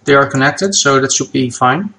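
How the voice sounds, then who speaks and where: A native Dutch speaker, a game asset creator, walks through a software tutorial at his computer. His voice sits at medium pitch and moves at a moderate pace, and he explains each step in a relaxed, plain manner.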